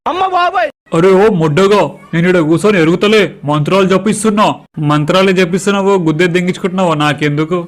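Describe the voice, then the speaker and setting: A man's voice: high-pitched, a bit bright. A man, swearing through brash banter in a comic skit. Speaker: comedy skit performer. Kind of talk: crude comic skit dialogue.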